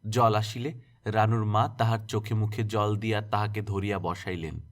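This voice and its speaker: A man reading a classic novel aloud as an expressive storyteller. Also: on the low side, normal speed. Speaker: story narrator.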